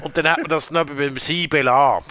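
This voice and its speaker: Man, Swiss German accent, casual chat, rambling jokey anecdotes, bright tense tone. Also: fairly high pitch, fairly even intonation, brisk, no echo. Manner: joking, rambling, laughs loudly at his own stories.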